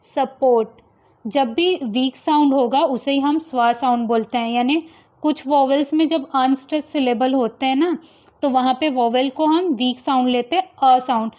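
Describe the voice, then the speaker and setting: High-voiced woman teaching pronunciation. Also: a little mellow. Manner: repeats example words slowly, contrasting wrong and right pronunciations. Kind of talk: phonics lesson explaining pronunciation rules. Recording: slightly dull lo-fi sound.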